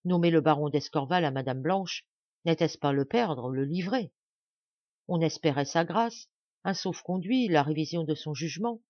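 A woman narrating an audiobook in a measured, dramatic reading voice. Her pitch sits mid-range. The recording is dry and slightly muffled, with no room sound. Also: no room sound. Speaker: audiobook reader. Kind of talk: scripted narration.

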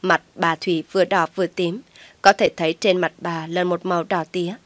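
A woman narrating a dramatic story in a steady, even read. Her voice sits on the low side, and the recording is dry and close, with no room around it. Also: fairly quick, no echo. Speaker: audiobook narrator.

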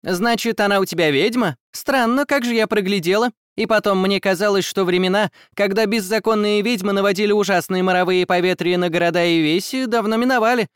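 A male audiobook narrator voicing a tiny, fussy and nosy female fairy who rides an owl, chattering impatiently in a high squeaky put-on voice. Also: brisk, hardly any pauses, smooth, dry recording, clean studio sound, close to an everyday voice. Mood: curious. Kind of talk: audiobook character voice.

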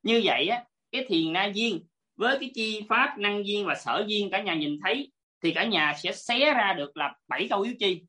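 A woman's voice: mid-range voice, lively intonation, normal speed, bright, forceful tone. A woman teaching an online class over a video call, politely explaining step by step and repeating her points.

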